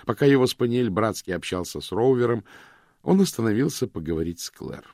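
A man narrating a story in a measured, expressive reading. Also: medium pitch, no echo, clean studio sound. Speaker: audiobook narrator. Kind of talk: scripted narration.

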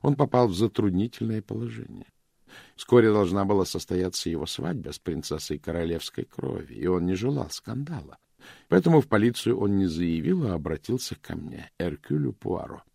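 A man reading the part of a calm, shrewd middle-aged detective in an audiobook, measured and softly spoken. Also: low voice, vocal fry, breathy edge, no echo, studio quality, heavily acted. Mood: storytelling.

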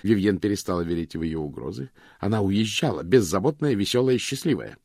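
A man narrating a story in a measured, expressive reading. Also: lowish voice, breathy edge, dry recording, studio quality. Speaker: audiobook narrator. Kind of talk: scripted narration.

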